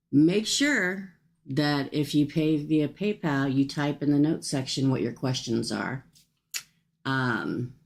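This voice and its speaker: A low-voiced woman hosts a casual livestream. Her speech has a gravelly fry, and she talks through a swollen, sore jaw. She is folksy and chatty, wandering from one aside to the next as she addresses her viewers. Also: darkish tone. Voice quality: speaking with a swollen jaw and cheek after a tooth extraction. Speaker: livestream host offering paid psychic-style readings.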